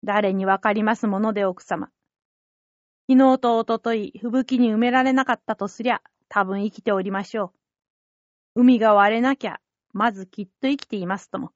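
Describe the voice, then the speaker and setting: A woman voicing a gruff, fatherly old fisherman who talks low and quietly in a rustic way. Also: normal speed, no room sound, muffled recording, close to an everyday voice. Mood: soothing. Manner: low, subdued country talk.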